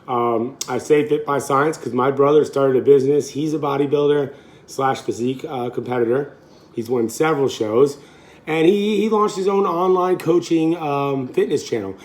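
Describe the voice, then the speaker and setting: A man in his thirties with a raspy, throaty voice, hoarse from a recent illness, chatting casually and off the cuff to camera as a fitness vlogger. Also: mid-range voice, normal speed. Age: 30s. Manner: informal, rambling, unscripted. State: hoarse, getting over being sick.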